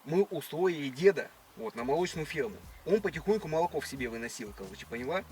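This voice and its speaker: A man's voice: on the high side, lively intonation, quick pace, a little mellow, lightly acted. A man putting on a brash, cheeky village hustler in an improvised prank chat, rambling in slang with a slushy lisp that turns s into sh. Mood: earnest storytelling. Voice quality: lisping, slushy sh for s. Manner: rambling, slangy, cheeky country-bumpkin talk. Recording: faint background noise.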